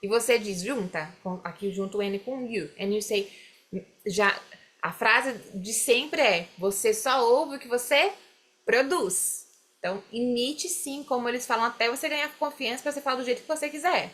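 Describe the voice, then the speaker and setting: A woman teaching English, explaining phrases slowly and having students repeat them. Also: on the high side, fairly bright tone. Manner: drills phrases slowly, mixes English lines into Portuguese explanation. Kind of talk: classroom explanation.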